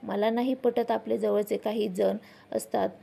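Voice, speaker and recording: A woman voicing a calm, philosophical old wandering man near seventy who speaks slowly and reflectively. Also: medium pitch, creaky, husky, full character voice. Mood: calm, musing.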